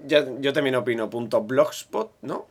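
A man's voice: mid-range voice, moderate pace, slightly rough. A man with a Spanish accent from Spain, co-hosting a podcast in casual, teasing banter and laughing often. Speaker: podcast co-host. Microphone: one microphone shared with co-host.

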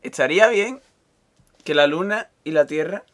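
A man's voice: on the high side, moderate pace, a bit bright. A man chatting on a podcast, throwing in short joking remarks. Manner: brief quips, joking. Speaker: podcast co-host. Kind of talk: casual podcast chat.

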